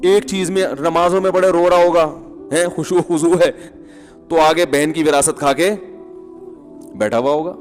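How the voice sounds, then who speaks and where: A man's voice: fairly high pitch, fairly even intonation, long pauses, long reverb tail, faint music behind. A man giving a humorous, conversational sermon as an Islamic preacher, with chuckling asides.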